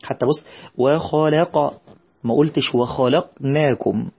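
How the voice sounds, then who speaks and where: A man with an Egyptian Arabic accent teaching tajweed. He explains in quick everyday speech, then recites verses slowly and drawn out. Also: medium pitch, breathy edge, highs cut off. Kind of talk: tajweed lesson with slow recitation.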